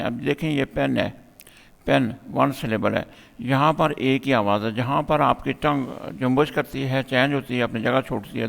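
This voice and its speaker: A man's voice: mid-range voice, vocal fry, in a large hall. A man teaching a grammar lesson, explaining step by step and asking questions he then answers.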